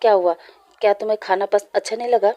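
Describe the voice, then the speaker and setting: A woman's voice: mid-range voice, fairly even intonation, quick pace, lo-fi sound, close to an everyday voice. A woman voicing a caring male friend who fusses over someone, in a read-aloud storybook, in her own plain reading voice. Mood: concerned.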